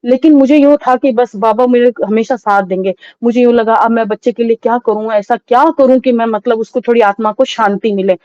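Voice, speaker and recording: A middle-aged woman recounting a painful loss as an interview guest, in a halting, sorrowful way with many restarts. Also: on the high side, fairly even intonation, darkish tone, no echo, dull audio. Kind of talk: emotional personal testimony.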